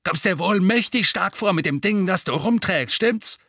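A man doing a loud jeering teenage bully. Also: extremely high pitch, sing-song, takes it slowly, no echo, studio quality, pitched above the performer's own voice, exaggerated voice. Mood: taunting. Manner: sneering, boastful taunts. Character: big teenage boy bully, taunting and boastful.

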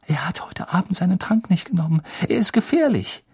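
A frightened teenage witch girl, anxious and quick, her voice pushed up high and breathless as she rushes her words, put on by a man reading a storybook aloud. She sounds hushed and shaky. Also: sing-song, husky, dry recording, studio quality, full character voice. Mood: alarmed.

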